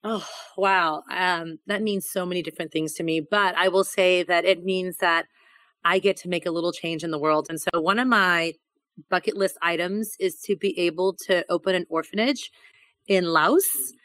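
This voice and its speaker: A woman chef telling stories in a casual interview, chatty and animated, often repeating words as she goes. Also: lowish voice, normal speed, dry recording, rough recording. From born in Thailand to Laotian parents. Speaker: chef and restaurant owner.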